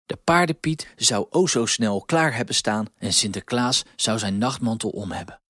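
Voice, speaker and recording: A man narrating a children's storybook with expressive, clear delivery on a close mic. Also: fairly low pitch, normal speed, no room sound.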